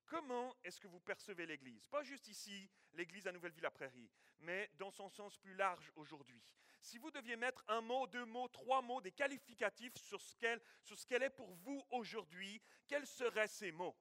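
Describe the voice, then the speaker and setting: A man preaching as a pastor, telling a lively anecdote full of spoken sound effects and frequent restarts. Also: high-pitched, moderate pace, hardly any pauses, no echo, studio quality. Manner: frequent restarts and repeated words. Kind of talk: sermon with a personal anecdote.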